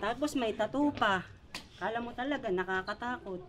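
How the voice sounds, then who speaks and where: A woman's voice: a little high, normal speed, slight background noise. A young woman battle rapper trading mocking, laughing trash talk at a live rap battle in a bar. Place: bar venue, live event.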